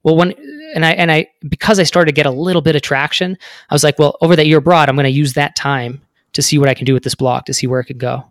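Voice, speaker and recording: A man's voice: a little high, steady tone, fast, no room sound, studio quality. A man in his thirties telling his story as a podcast guest, rambling with many fillers. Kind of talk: casual interview talk.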